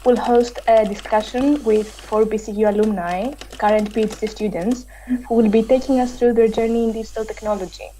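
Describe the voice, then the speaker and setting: A woman's voice: fairly high pitch, steady tone, a little fast, warm tone, a little hiss or hum, poor audio. A woman hosting an online panel discussion over a video call, chatty with many fillers. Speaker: host.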